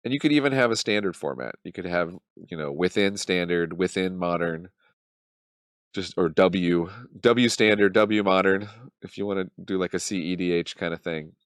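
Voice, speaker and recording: A deep-voiced man in his thirties speaks at normal speed with a clean tone, recorded dry in a clean studio. He has a cold as he hosts his casual commentary channel, loosely thinking aloud with many ums and a wry, mock-dramatic edge.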